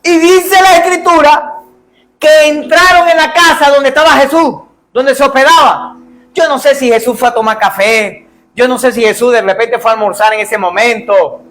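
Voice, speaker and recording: A man preaching a lively sermon, calling out to the congregation and acting out the cries of the blind men. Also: very high voice, moderate pace, rough recording. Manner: animated, calls out to congregation, acts out biblical cries. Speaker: pastor.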